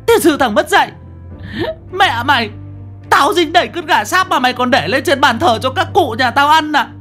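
A man voicing an enraged young woman who screams and scolds her ex-lover in a shrill voice. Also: sing-song, brisk, soft background music. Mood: screaming.

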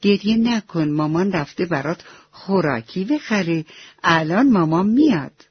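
A man voicing an eager, dutiful young male duckling in a children's bedtime story, with a gentle, reassuring manner. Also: sits high, expressive, husky, no room sound. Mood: soothing. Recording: dull lo-fi dry recording.

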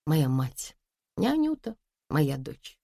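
Weary middle-aged woman, read by a woman narrator: wry, low, audiobook dialogue. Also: big pitch swings, slow pace, creaky, dark tone, no room sound, clean studio sound, exaggerated voice. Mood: bitter.

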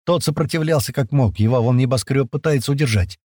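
A man's voice: medium pitch, fast, mellow, no room sound, clean studio sound. A man reading a first-person adventure story in a colloquial, storytelling way. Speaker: narrator. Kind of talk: first-person audiobook narration.

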